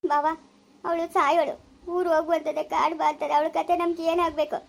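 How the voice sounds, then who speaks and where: A woman's voice: high-pitched, little pitch movement, brisk, creaky. A woman playing a tearful pleading wife. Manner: pleading, wailing. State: crying.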